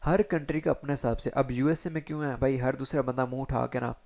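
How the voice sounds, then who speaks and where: A man teaching SEO in a chatty screen-share tutorial, talking straight to viewers and filling pauses with short check-ins. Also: medium pitch, steady tone, vocal fry, a little mellow. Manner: chatty, addresses viewers directly with frequent fillers. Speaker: SEO instructor.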